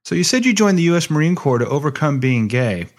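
A man hosting a radio news show, reading headlines and event listings in a measured announcer's delivery, then interviewing a guest. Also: on the high side, big pitch swings.

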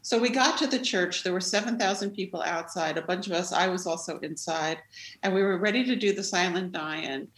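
Woman interviewee, expressive storyteller, recorded in an echoey room. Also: lowish voice, a little fast. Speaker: interviewee, former activist. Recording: roomy echo.

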